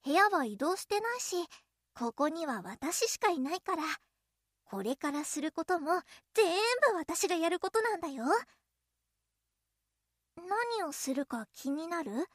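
A woman voicing a clingy, possessive young childhood-friend girl in an audio role-play, speaking to the listener in a coy, playful, teasing way with a soft menace. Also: extremely high pitch, sing-song, measured pace, no room sound, clean studio sound, full character voice.

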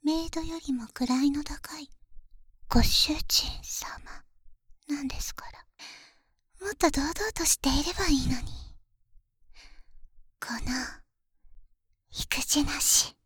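High, dry-voiced young maid, formal then sly, whispering at the ear, played by a woman. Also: normal speed, pauses often, no echo, natural voice. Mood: teasing, jealous. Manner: soft ear-close whispering; very formal, deferential speech with teasing jabs. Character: polite, jealous young maid who calls herself boku. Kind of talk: ASMR roleplay audio drama.

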